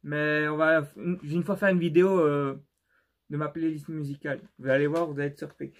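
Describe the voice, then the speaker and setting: A man's voice: on the high side, flat delivery. A young man with a non-native French accent, chatting casually in a vlog and stumbling through lots of fillers and restarts. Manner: halting and unsure, many fillers and restarts. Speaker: YouTuber showing his CD collection.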